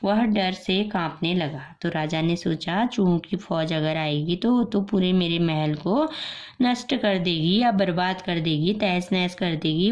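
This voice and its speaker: A woman school teacher slowly spelling out a children's reading lesson syllable by syllable, repeating each word after she builds it. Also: on the low side. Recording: muffled lo-fi recording.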